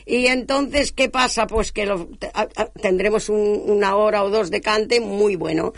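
A woman hosts a local radio show, reading out events and fussing affectionately over callers. Her voice is gravelly and close, with a dry, roomless sound. She talks in halting bursts full of restarts. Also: medium pitch, no echo. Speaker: radio host. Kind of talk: local radio chat and announcements.

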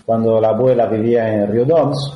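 A man from Italy, speaking with an Italian accent as an interview guest, talking in a halting way full of fillers and restarts. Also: on the low side, fairly even intonation, slight background noise. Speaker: guest, actor. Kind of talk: conversational interview. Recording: roomy, dull lo-fi sound.

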